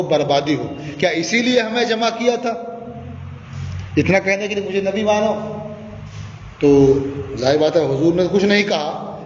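A high-pitched man with an Indian Urdu accent teaches hadith and poses rhetorical questions to his class. His voice rings through a big echoey hall with long reverb. The recording sounds dull and lo-fi. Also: a little mellow, a little hiss or hum. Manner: explains with everyday examples and rhetorical questions, chants Arabic slowly. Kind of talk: classroom lecture explaining hadith.

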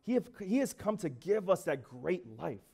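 A man's voice: high-pitched, big pitch swings, moderate pace, gravelly, darkish tone, slightly rough. A young man giving a sermon as a guest speaker in a church, talking casually with filler words and playful acted asides.

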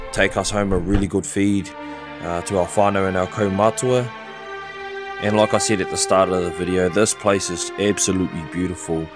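A man in his thirties with a broad Kiwi accent and a slightly low voice. He chats like an outdoor vlogger, laid-back and full of slang. Music plays clearly behind him. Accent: broad New Zealand (Kiwi). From Bluff, southern New Zealand. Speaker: vlog host and diver. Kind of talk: casual adventure vlog, part to camera, part voice-over.

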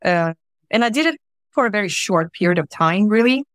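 A woman's voice: mid-range voice, lively intonation, fairly quick, no echo, clean studio sound. A woman in her thirties, born in Croatia and raised in Sweden, talking as a guest in an easygoing, friendly way over a video call. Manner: friendly, easygoing, many fillers. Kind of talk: casual interview. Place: room at home, indoors.

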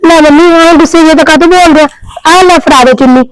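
A woman's voice: very high voice, fast, no echo, low-quality recording. Woman playing a whiny young daughter-in-law. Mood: pleading. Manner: whiny, pleading. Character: young daughter-in-law, sulky and self-pitying. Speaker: actor in a family skit. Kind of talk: scripted domestic skit acting.

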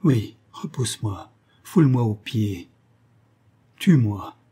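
A man voicing a tender young woman raised among poisonous flowers, speaking softly and pleading in a raised voice. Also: animated, slow pace, husky, exaggerated voice. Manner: soft, pleading, raised pitch.

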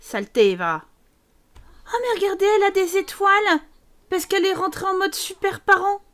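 A woman's voice: very high voice, expressive, normal speed, fairly bright tone. A young woman commenting casually on her life-sim game, chatting to her sims and her viewers with exasperated asides. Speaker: gaming YouTuber. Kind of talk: casual let's play commentary.

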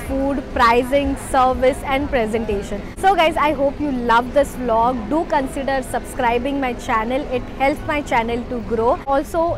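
A young woman in her twenties with an Indian English accent, reviewing restaurant food in an enthusiastic vlog and mixing Hindi into her English, recorded on a lapel mic. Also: high-pitched. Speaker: food vlogger. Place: restaurant indoors, then outdoor garden.

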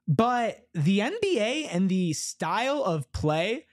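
A man's voice: high-pitched, slow, no echo. Young man hosting a sports podcast, dry sound. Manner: animated, joking, rambling questions. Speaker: podcast host. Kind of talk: casual sports podcast chat. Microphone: podcast microphone on a boom.

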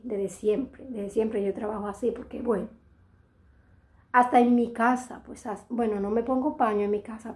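With a mellow voice on the high side, this middle-aged vlogger speaks in a Dominican accent, chatting to camera for her audience. It's rambling, casual talk, full of restarted sentences.

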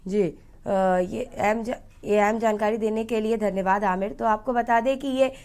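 Higher-pitched young female news anchor. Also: fairly even intonation, moderate pace, a little mellow. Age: young adult. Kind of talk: breaking news presentation. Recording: studio voice over news music.

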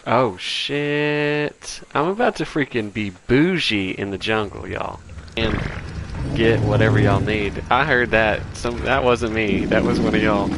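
Slow talking gamer dude, gets excited easy, super noisy mic hiss. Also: male voice, medium pitch. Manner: excitable, exclaiming. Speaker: fellow player. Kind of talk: casual gameplay chat.

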